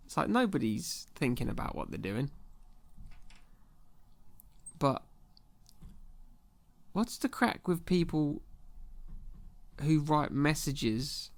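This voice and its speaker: Gravelly man on a rant. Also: a little high, animated, slow pace, pauses often. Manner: exasperated, sarcastic ranting with slang. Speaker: podcast host. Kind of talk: casual comedic rant.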